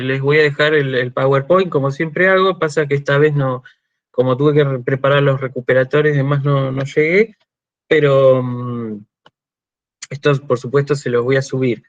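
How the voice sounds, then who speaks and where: A man giving an online university lecture, slow and deliberate, checking in often with his students. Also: fairly high pitch, highs cut off. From Argentina. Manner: slow, checks in with frequent "¿sí?" and "este" fillers. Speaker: university lecturer in Greek language and culture.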